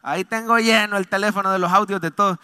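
A pastor preaching a sermon to a church, swinging between loud exhortation and soft asides. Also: male voice, high voice, fairly even intonation, fast talker, clean tone.

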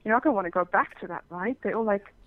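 A South African woman guest talks frankly and casually about her job as a phone sex operator in an interview chat, restarting often. Her mid-range voice comes fast and rapid-fire. The recording is dry, with a dull, muffled, phone-like sound.

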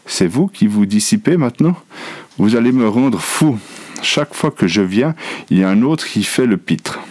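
A man reading a frazzled, scolding school supervisor in a children's audiobook, voiced a touch lower than the narration. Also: lively intonation, moderate pace, a little mellow. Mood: stern scolding. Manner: exasperated, scolding. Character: harried stern male school supervisor.

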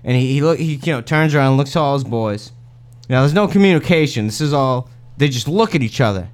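Lively-voiced man running a game. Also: medium pitch, fast, clean tone. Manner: casual and loose, with profanity. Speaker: game master. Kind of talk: narrating a tabletop game.

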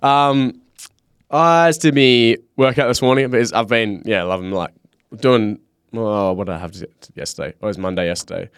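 A man's voice: medium pitch, normal speed, clear, resonant tone, dry recording, clean studio sound. A young man with a broad Australian accent, co-hosting a podcast in a laid-back, matey, slangy way. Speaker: podcast co-host. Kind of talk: casual podcast chat.

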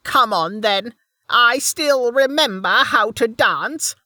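A man voicing an ancient, withered old woman who is venomous and scornful, in a high, drawn-out voice. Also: expressive, bright, forceful tone, dry recording, clean studio sound, exaggerated voice. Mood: mocking. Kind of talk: audiobook character voice.

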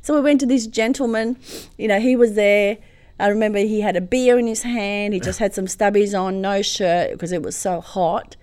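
A woman's voice: medium pitch, moderate pace, smooth, no room sound. Australian woman telling a personal story. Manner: animated, warm storyteller with frequent laughs. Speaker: guest.

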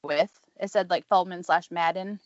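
A woman's voice: fairly low pitch, fairly even intonation, moderate pace, no echo, lo-fi sound. A woman co-hosting a casual music podcast, chatty and giggly. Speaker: podcast co-host. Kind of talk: casual chat.

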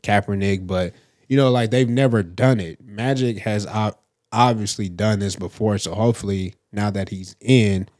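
A man's voice: on the low side, steady tone, moderate pace, a little mellow, no echo, studio quality. A man co-hosting a casual sports chat in a slangy, conversational way. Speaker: podcast co-host.

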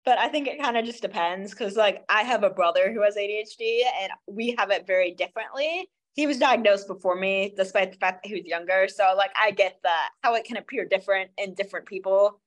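A woman host of a casual podcast, asking her guests questions. She talks in an easygoing, chatty way, leaning on "like" often. Her voice sits at a middle pitch. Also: fairly quick, hardly any pauses. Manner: relaxed, chatty, uses "like" often. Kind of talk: casual interview chat.

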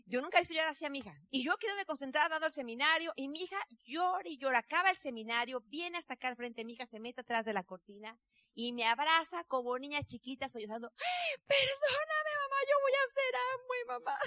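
A woman in her fifties telling a lively personal story in a motivational seminar talk, acting out the voices of the people she quotes. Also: high-pitched, fast talker, no room sound. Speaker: business seminar speaker.

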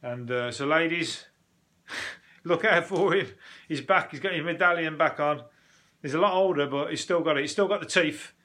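A man's voice: fairly high pitch, moderate pace, bright, forceful tone. A man with a Birmingham accent chatting casually on his own as a show host, rambling, joking and swearing freely. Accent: Brummie (Birmingham). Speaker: host of a news commentary show. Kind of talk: casual solo chat about news stories.

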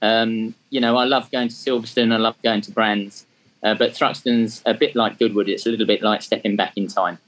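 This low-quality clip features a fairly quick, somewhat low and slightly bright male voice with a steady tone. The speaker is a man in his fifties from England with a faint Australian edge to his English accent, appearing as a guest who runs charity track days. He talks casually in an interview, often saying "um" and poking fun at himself.

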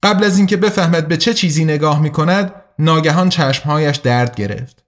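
Man with a slightly high narrating voice. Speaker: audiobook narrator. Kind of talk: scripted narration.

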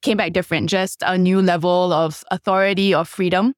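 A woman worship leader in her thirties, from Singapore, tells her story in a podcast interview. Her voice sits fairly low but leaps up animatedly as she retells scenes, with plenty of ums and restarts. The sound is dry and close. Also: fairly quick, dry recording. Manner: animated, many fillers, pitch jumps when retelling.

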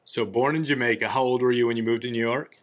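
A man's voice: medium pitch, fairly even intonation, fast talker, slight background noise. A man hosting a conversational interview, asking questions briefly and politely.

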